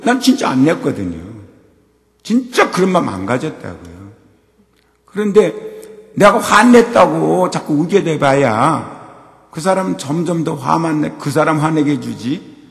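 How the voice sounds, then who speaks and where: An older man telling a personal story in a sermon, moving between quiet asides and loud, acted outbursts. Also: mid-range voice, gravelly. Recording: long hall reverb.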